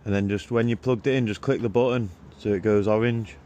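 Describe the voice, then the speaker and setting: Working man, casual and matey with slangy speech, giving relaxed instructions over background vehicle noise. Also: lowish voice, fairly quick. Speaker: car detailer filming and instructing a young helper. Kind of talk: casual chat while working. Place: in and around a vehicle being cleaned.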